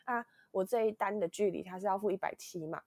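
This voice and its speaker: Weak from illness, a young woman with a Taiwanese Mandarin accent tells a rambling, restart-heavy story on her podcast, acting out quotes in casual chat. She talks fast at medium pitch with a creaky, darkish voice, and the recording is dry.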